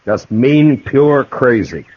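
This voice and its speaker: An American actor playing a stern, weary frontier marshal in a 1950s radio western, with a terse, commanding manner. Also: male voice, mid-range voice, expressive, takes it slowly, a little mellow. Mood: grim, disgusted. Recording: muffled old radio recording.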